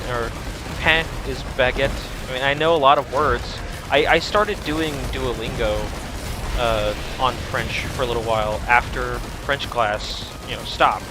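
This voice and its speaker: A young man streaming a video game, chatting in a rambling, easygoing way with lots of restarts. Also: mid-range voice. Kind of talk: casual chat while streaming a game.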